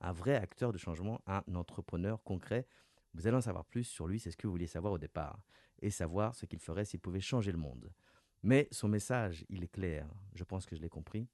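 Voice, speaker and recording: A man hosting a radio interview and running a quiz game, talking in a lively, playful way and stressing his clues. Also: low-pitched, no echo, clean studio sound. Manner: lively, playful, announces clues with rising emphasis. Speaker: radio host. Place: radio studio.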